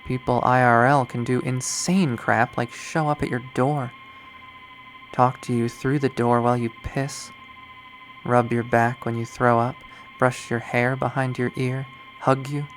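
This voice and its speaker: In this visual novel readthrough, a man voices a young woman consumed by obsessive love who has become a killer, speaking in first person. The monologue is quiet and brooding, mid-range in pitch and flat in delivery, unhurried so each line lingers. Faint music plays under a natural voice, and the recording is low quality.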